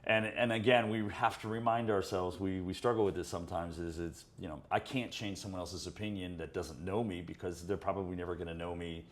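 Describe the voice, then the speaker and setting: Deep-voiced man chatting reflectively. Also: fairly even intonation, brisk, few pauses. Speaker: podcast co-host. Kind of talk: casual chat.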